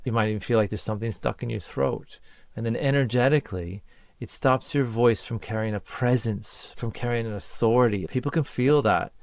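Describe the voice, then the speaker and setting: A man's voice: medium pitch, a little fast, gravelly, dry recording. A man talking as a voice coach, giving an earnest and encouraging spoken lesson in short listed phrases.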